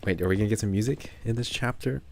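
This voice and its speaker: Man streaming a story game, deep gravelly voice, chill jokey reads, faint music behind. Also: rapid-fire, a little hiss or hum. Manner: laid-back, joking, reads game text aloud. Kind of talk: casual gameplay commentary. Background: soft background music.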